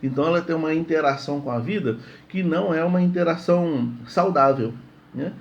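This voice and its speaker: A man's voice: fairly high pitch, brisk, highs cut off. A man giving a morning devotional sermon in a conversational way, often repeating words and checking in with "entende?". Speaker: preacher.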